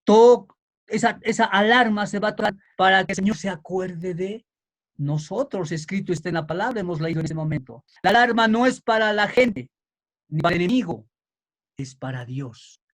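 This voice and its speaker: A man preaching a sermon in an emphatic way, building up to fervent shouting. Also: sits high, moderate pace.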